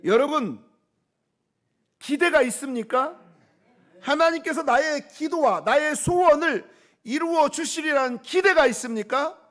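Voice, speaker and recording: A man's voice: very high-pitched, lively intonation, a little slow, long pauses, a bit bright. A male pastor preaching a sermon, calling out questions to the congregation and pressing his points with emphasis.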